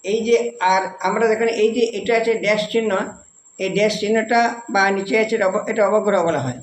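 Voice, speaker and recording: A man's voice: high-pitched, level tone, a little fast, slight background noise. A man teaching a devotional music lesson, explaining patiently and repeating points simply for viewers. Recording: echoey room.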